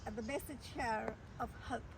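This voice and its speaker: High-voiced woman interviewer, distant and noisy. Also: steady tone, moderate pace, vocal fry, a crowd in the background. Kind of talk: casual interview. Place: outdoors at a zoo. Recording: distant mic, loud outdoor noise.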